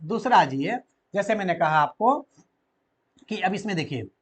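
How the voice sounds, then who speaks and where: A man's voice: sits high, expressive, moderate pace, husky. A man teaching a grammar lesson to children, asking them questions and answering them himself.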